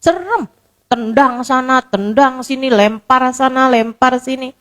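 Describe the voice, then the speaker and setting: A woman's voice: sits high, unhurried, fairly bright tone. A woman preacher giving a casual, conversational sermon, full of repetition and rhetorical questions. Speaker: Islamic preacher.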